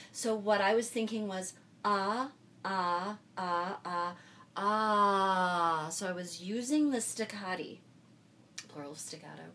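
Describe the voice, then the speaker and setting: A middle-aged woman singing teacher giving a frank, jokey vocal lesson and singing short vowel exercises between her explanations. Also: mid-range voice. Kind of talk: casual vocal lesson with sung demonstrations. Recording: slightly distant mic with faint room noise.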